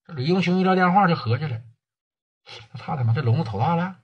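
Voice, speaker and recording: Male storyteller, husky voice, very lively pitch, coarse slang, storytelling for sleep. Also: quick pace, lo-fi sound. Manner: colloquial and coarse, with crude slang.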